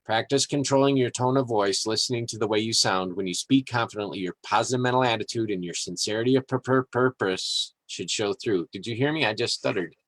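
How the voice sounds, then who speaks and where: A man hosting a podcast in a relaxed, rambling way, reading passages aloud and chatting about them with fillers and small chuckles. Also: on the low side, quick pace, hardly any pauses, no echo, poor audio. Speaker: podcast host. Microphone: live-streamed podcast mic.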